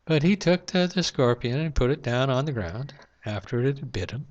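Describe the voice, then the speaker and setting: Late at night in a lamp-lit room at home, a vlogger talks straight to his camera in a casual monologue, rambling and reflective with plenty of "uh"s between thoughts. His voice is an ordinary middle pitch, expressive, at normal speed, and the recording sounds dull and lo-fi.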